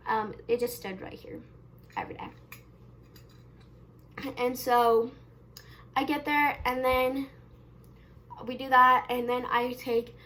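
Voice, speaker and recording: A woman's voice: high-pitched, slight background noise. A young woman vlogging to camera, telling a long story in a rambling way, often correcting herself and leaning on "basically" and "um". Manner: wide swings in loudness and pace. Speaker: YouTube vlogger. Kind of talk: casual camera vlog storytelling.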